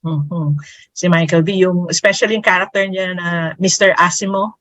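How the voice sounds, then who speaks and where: A woman's voice: fairly low pitch, steady tone, moderate pace, fairly bright tone, no room sound, low-quality recording. A woman in her fifties, co-hosting a casual podcast chat, who laughs often and switches between Tagalog and English. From Philippines. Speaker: podcast co-host.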